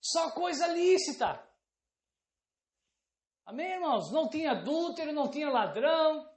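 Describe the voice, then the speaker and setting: A woman preaches with a very high voice, emphatic and pressing. She keeps turning to the congregation with rhetorical questions. The sound carries the echo of a church hall. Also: big pitch swings, moderate pace, darkish tone. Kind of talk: sermon.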